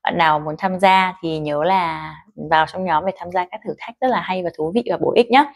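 A woman's voice: fairly low pitch, vocal fry. Woman teaching pronunciation patiently. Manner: explains patiently, then repeats English phrases slowly. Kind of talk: pronunciation lesson.

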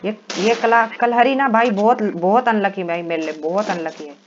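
A man giving excitable live commentary while he plays, yelling and pleading in bursts. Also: sits high, normal speed. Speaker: gaming vlogger. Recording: lo-fi with steady background noise.

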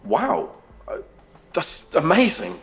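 A man's voice: a little high, wildly swooping pitch, takes it slowly, full character voice. Darren, a flustered hapless young man. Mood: chatty. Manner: awkward, eager, stammering. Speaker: lead character in comedy series. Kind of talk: sitcom acting.

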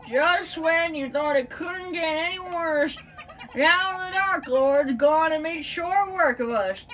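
A woman's voice: very high-pitched, a bit bright, a little hiss or hum, full character voice. A woman voicing a fretful old townsman from a video game, telling his tale earnestly and dramatically. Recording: far from the mic, game music.

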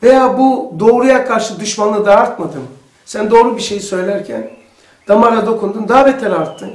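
High-voiced man giving an echoey religious lesson. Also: normal speed. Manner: animated storytelling, acts out quoted speech. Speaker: religious teacher.

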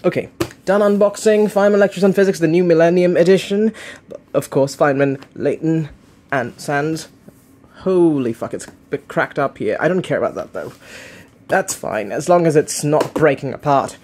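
A man's voice: fairly high pitch, moderate pace, a little mellow, slight background noise. A young man giving casual, unscripted unboxing commentary, rambling and hesitant as he keeps correcting himself. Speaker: unboxing video host. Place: living room, indoors.

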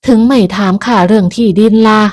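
Gruff stern old grandmother, voiced by a woman. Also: medium pitch, steady tone, quick pace, a little mellow, lightly acted. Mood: cold. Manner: blunt, gruff old village speech. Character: stern cold-eyed old grandmother guarding her riches.

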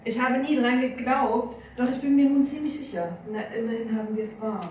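A woman's voice: a little high, a little fast, darkish tone, a little hiss or hum, lightly acted. A woman reading haughty, curt Hortschleifen. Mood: disdainful. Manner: curt, disdainful. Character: haughty, dry-humored rich man Hortschleifen. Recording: echoey hall recorded from far off.

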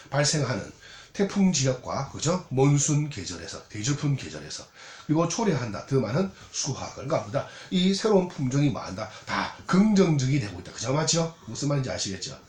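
A man's voice: medium pitch, a little mellow. A man with a Gyeongsang Korean accent giving a recorded exam lecture, checking in constantly with rhetorical questions. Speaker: English exam tutor. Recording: roomy echo, faint noise, clicks.

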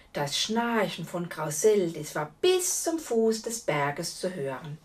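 A woman reading a fairy tale aloud to children in an expressive way, talking to her listeners directly. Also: lowish voice, recorded from a distance. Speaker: storyteller.

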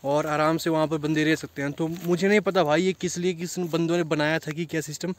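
A man's voice: on the high side, flat delivery, fairly quick. A young man vlogging outdoors by a cave, out of breath and a little nervous, talking to viewers as brothers while holding a phone camera. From India. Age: young adult. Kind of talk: casual outdoor vlog. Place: hillside and inside a rock cave. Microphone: handheld phone camera.

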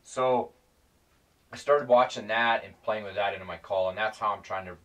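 A man with a very low voice talks through a how-to in a loose, plain-spoken way, circling back and restarting his sentences. He sounds a little set back from the microphone. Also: moderate pace, fairly bright tone, recorded from a distance. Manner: rambling, plain-spoken, self-correcting. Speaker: predator calling instructor. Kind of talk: casual instructional talk.

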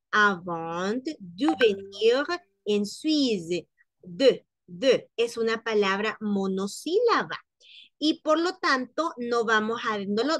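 A woman teaching French pronunciation in Spanish, repeating words slowly so students can copy them. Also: on the high side, dry recording. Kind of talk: pronunciation lesson.

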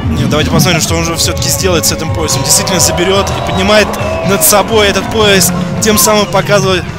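A man working as a wrestling commentator, calling each move live in an excited, exclamatory way. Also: high voice, quick pace. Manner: exclamatory, narrates moves as they happen. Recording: loud crowd and music at outdoor event.

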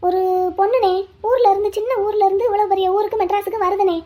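Vennila, a shrill wary village girl. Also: steady tone, quick pace, dark tone. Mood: coaxing. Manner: talks to herself, pleading and coaxing. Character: young village woman, wary and scheming. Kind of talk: cartoon voice acting, inner monologue and dialogue.

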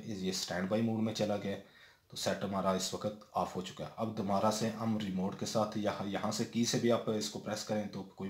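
A man talking through a hands-on TV repair step by step, with frequent fillers and check-ins. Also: lowish voice. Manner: explains step by step, many fillers and repeated "theek hai". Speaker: TV repair technician. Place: indoor room at a workbench. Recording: roomy echo with faint noise.

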